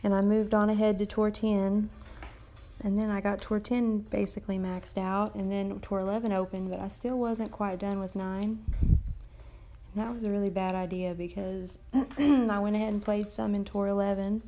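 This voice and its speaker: A woman's voice: mid-range voice, level tone, normal speed, warm tone. A woman casually chatting and commenting while livestreaming a mobile game, rambling and swearing now and then, her voice tired late at night. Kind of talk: casual live gameplay commentary.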